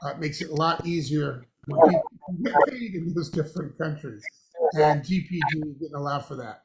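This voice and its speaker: A man's voice: fairly high pitch, moderate pace, a little mellow. A man hosting an online business presentation, upbeat and salesy, laughing easily as he walks through a plan. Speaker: host presenting a compensation plan. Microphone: video call.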